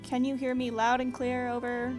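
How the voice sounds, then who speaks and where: High-voiced woman streaming a game. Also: monotone, normal speed, darkish tone. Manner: informal, sweary. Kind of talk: casual gameplay commentary. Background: game music.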